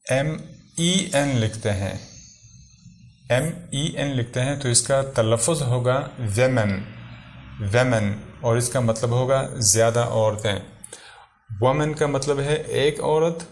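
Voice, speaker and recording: Man, English teacher, vocabulary lesson, slow repetition, mid pitch. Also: darkish tone. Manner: slow, repeats each English word then gives its meaning.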